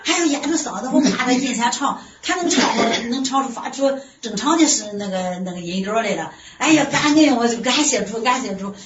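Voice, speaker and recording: A middle-aged woman speaks with fervent, exclamatory earnestness as she tells her faith testimony, her voice sitting a little high. She is picked up from across a reverberant room. The sound is dull and lo-fi with a faint hiss underneath. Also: animated, brisk, hardly any pauses. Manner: earnest, exclamatory, frequent sighing interjections. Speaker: church member giving testimony. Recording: distant roomy lo-fi recording with faint hiss.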